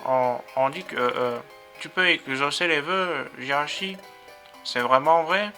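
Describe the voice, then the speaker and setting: A man's voice: on the high side, slow, bright, forceful tone, soft background music, heavily acted. A man voicing a naive, eager young Pokémon that stammers and uses old-fashioned exclamations.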